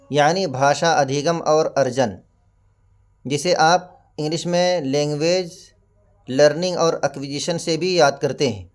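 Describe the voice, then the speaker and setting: A man teaching an exam-prep lesson. He asks himself questions, answers them, and repeats key points with Hindi and English equivalents. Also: fairly high pitch. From India. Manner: explains each term with Hindi and English equivalents.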